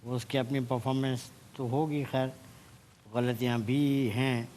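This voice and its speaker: A man's voice: mid-range voice, flat delivery, a little mellow, a little hiss or hum. Reflective senior male debate judge. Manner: reflective, explains word meanings, slips into English phrases. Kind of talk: giving feedback to students. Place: TV studio.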